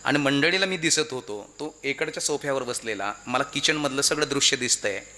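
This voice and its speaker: A man's voice: medium pitch, a little fast. A man with a Marathi accent preaching a devotional kirtan, calling out questions to the audience and telling stories. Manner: animated, calls out questions to the audience. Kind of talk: devotional kirtan sermon with sung verses.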